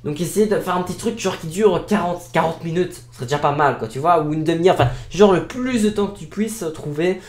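High-voiced Belgian man, echoey room. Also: a little fast, few pauses. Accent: Belgian French. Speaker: role-play gamer. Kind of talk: casual improvised role-play dialogue.

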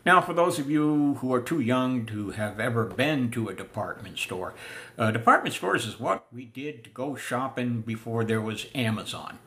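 An older man giving a casual spoken history lesson, unhurried with many filler pauses, seated in a room full of antiques. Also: mid-range voice, lively intonation, fairly bright tone. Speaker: living history presenter.

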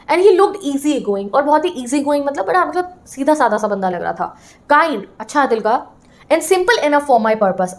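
High-voiced woman teaching a lesson. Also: darkish tone. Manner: reads English lines slowly, then explains casually. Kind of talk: line-by-line English lesson explained in Hindi.

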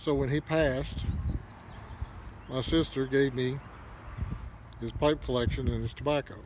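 Middle-aged man, mouth around a pipe, easygoing rambling vlog chatter, mid pitch, faint hiss behind. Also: a little slow, poor audio. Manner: relaxed, rambling, folksy. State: talking with a pipe in his mouth. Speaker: pipe smoking vlogger. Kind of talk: casual vlog talk to camera.

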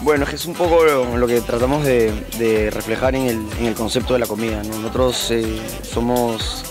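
Young man, restaurant owner, halting, restarts often, music in the background. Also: mid-range voice, steady tone. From Argentina, raised in Peru. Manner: hesitant, many restarts, describes dishes. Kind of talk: casual interview. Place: indoor restaurant, seated at a table. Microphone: host's handheld mic.

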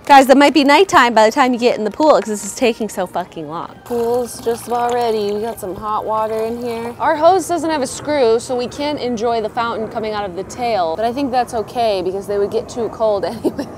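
A young woman chats to her camera outdoors, her voice a touch high and her humor dry and sarcastic. She laughs often as she talks. Faint background noise sits under the recording. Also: fairly quick. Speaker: vlogger. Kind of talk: casual vlog chat. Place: outdoors in a yard.

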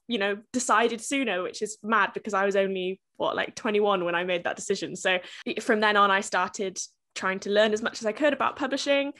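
A young woman talks over a headset on a video call from a small room at home. She is chatty and loose, with lots of fillers, restarts and quick asides as she explains her work. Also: medium pitch, fairly bright tone. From South Wales. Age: 20s. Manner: chatty, gestures while talking, many fillers and restarts. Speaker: interview guest, publishing professional. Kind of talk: casual video call interview.

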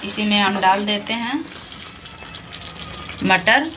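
With an expressive, mid-range voice, a woman walks viewers of her home cooking channel slowly through a recipe at the frying pan. She's patient and instructive, often saying "dekhiye" to draw attention, as loud sizzling and stirring fill the recording beneath her.

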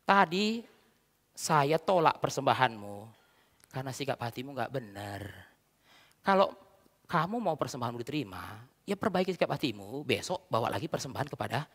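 A preacher voicing God, sternly scolding. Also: male voice, medium pitch, very animated, normal speed, pauses often, a bit bright, breathy edge, full character voice. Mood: rebuking. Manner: stern, scolding rhetorical questions. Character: God rebuking an angry man. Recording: reverberant church hall.

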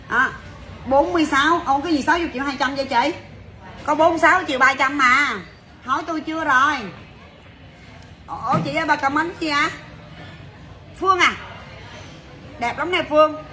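High bright chatty saleswoman. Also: a little hiss or hum. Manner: chatty, brisk, calls out to viewers. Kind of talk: fast livestream sales patter.

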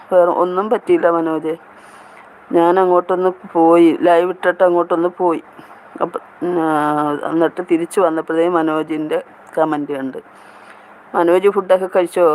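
Flat-voiced chatty woman hosting a live stream. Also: fairly low pitch, slight background noise, rough recording. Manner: chatty, reads viewer comments aloud and answers them by name. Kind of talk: casual live chat with viewers.

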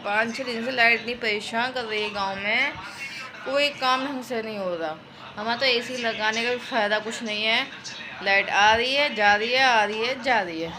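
A family vlogger in her thirties, whose voice sits on the high side, chats through her day at a normal speed in a casual home vlog shot on a phone held at arm's length. Her narration of daily chores is chatty and homely, moving between small home rooms and the street, indoors and out, with background noise throughout.

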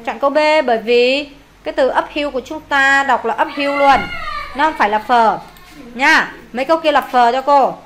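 Repeating words slowly so her pupils can echo them, a Vietnamese-accented woman teaches English pronunciation. She has a high voice, and the background is noisy.

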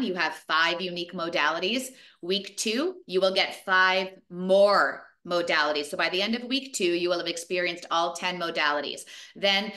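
A woman in her forties on a video call, presenting a fitness program to her partners in an energetic, emphatic way and repeating points for stress. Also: medium pitch. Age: 40s.

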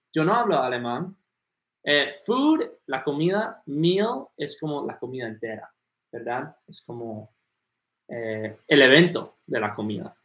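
Greeting viewers by name and reading out their comments in a live Q&A, a man gives English lessons on a livestream, moving back and forth between Spanish and English. He speaks with a high-leaning, fairly bright voice in an echoey room.

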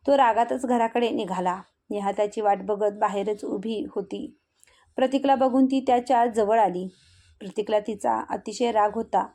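A woman's voice: on the high side, mellow. A woman reading a heartfelt family story aloud, narrating steadily and speaking the characters' lines in her own voice.

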